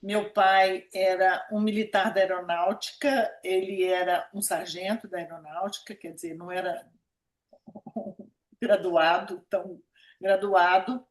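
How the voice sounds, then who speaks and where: In an echoey room, a roughly seventy-year-old pediatric nephrologist from Minas Gerais, Brazil, looks back on her life during a relaxed interview. Her mid-range voice keeps a steady tone and a measured pace, and she repeats words to stress them.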